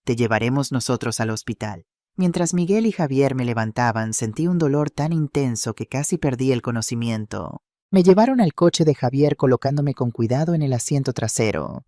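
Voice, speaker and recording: A man reading a dramatic first-person story in steady narration. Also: medium pitch, normal speed, no room sound, clean studio sound.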